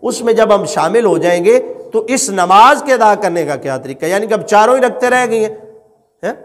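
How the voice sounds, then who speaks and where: Speaking in a large hall, a man with a high, expressive voice teaches on religious matters. He goes over each point more than once, explaining calmly, and answers the very questions he asks his listeners.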